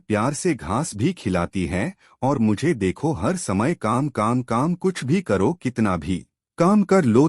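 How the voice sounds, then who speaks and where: A man's voice: fairly low pitch, a little mellow, slightly rough, no echo, studio quality, heavily acted. A man voicing a sad, overworked young daughter-in-law in a cartoon story, who speaks in a lamenting, self-pitying way.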